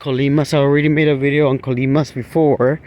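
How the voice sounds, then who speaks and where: A man talking casually to camera while walking outdoors, rambling and halting with many fillers and restarts. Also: mid-range voice, flat delivery, darkish tone. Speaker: vlogger. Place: outdoors, walking along a street.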